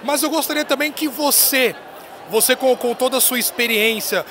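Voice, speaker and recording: A man in his thirties, an excited and playful interviewer, hyping his guest with a handheld mic in a busy indoor expo hall. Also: very high-pitched, normal speed, a little hiss or hum. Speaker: interviewer at a trade fair. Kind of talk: casual on-location interview. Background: crowd chatter of the fair.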